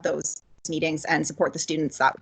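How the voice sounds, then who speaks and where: A woman's voice: low-pitched, flat delivery, creaky, a bit bright, slightly rough, poor audio. Woman on a choppy, cutting-out video call. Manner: hesitant, halting, frequent fillers. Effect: choppy audio cutting out on a bad connection. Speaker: school board staff member. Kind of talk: online meeting discussion.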